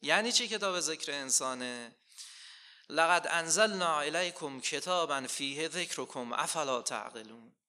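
A man preaching a sermon, asking rhetorical questions and slowly quoting scripture with rising emphasis. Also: fairly high pitch, expressive, bright, forceful tone.

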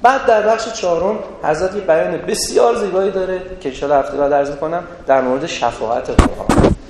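A man preaching a religious lecture. He quotes Arabic sayings slowly, explains each one, and closes with a prayer. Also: high-pitched, heavy background noise. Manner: ends with a prayer. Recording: echoey hall with long reverb.

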